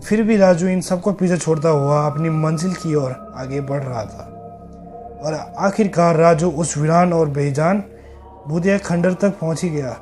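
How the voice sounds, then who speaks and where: A man narrating a horror story in a slow, suspenseful telling. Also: a little high, a little mellow, faint music behind.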